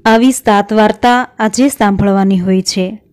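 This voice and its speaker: A middle-aged woman tells a devotional folk tale at an even, unhurried storyteller's pace. Her voice is smooth and clear, sitting at an ordinary middle pitch. She reads the characters' lines in the same plain voice she uses for the narration. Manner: steady, plain storytelling with quoted dialogue read in the same voice.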